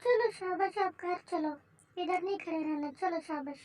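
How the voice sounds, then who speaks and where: A woman's voice: sits high, fairly even intonation, darkish tone, natural voice. A woman voicing a scolding mother in a cartoon story, lecturing and repeating herself. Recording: dull lo-fi dry recording.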